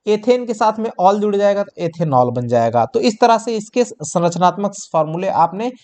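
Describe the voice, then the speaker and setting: A man's voice: high-pitched, sing-song, normal speed, darkish tone. Man teaching science step by step. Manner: explains step by step, asks and answers his own questions; addresses students as children. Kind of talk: exam-prep board lesson.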